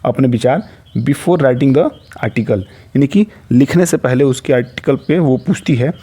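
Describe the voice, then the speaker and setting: A man leads an exam-prep lesson in a soft, mellow voice at an ordinary middle pitch. He reads English phrases out deliberately, word by word, and then explains them at a normal pace. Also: slightly rough.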